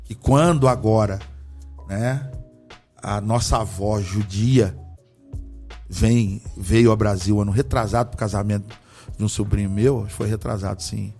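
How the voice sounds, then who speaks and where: Brazilian pastor guy preaching hard, mellow dark tone, faint music under him. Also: lowish voice, steady tone, measured pace. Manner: fervent, emphatic, often asks rhetorical questions. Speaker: apostle, pastor guest. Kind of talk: religious conversation with preaching.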